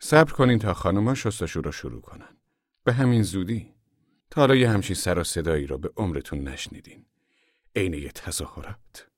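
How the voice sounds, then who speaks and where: A man's voice: sits low, animated, no echo, studio quality. Man doing a chatty friendly camp manager. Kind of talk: audiobook character voice.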